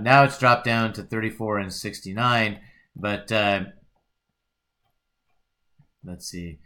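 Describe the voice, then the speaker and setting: Low-voiced man giving a casual software walkthrough. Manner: rambling, self-correcting, relaxed. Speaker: instructor. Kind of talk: casual screen-recorded tutorial.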